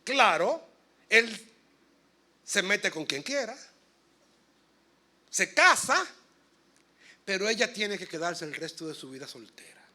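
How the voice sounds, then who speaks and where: A man, a pastor, preaching a sermon to his congregation. He swings from soft asides to loud, emphatic bursts and puts questions straight to the listeners. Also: sits high, very animated, takes it slowly, long pauses. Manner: addresses the congregation directly with questions. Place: church sanctuary.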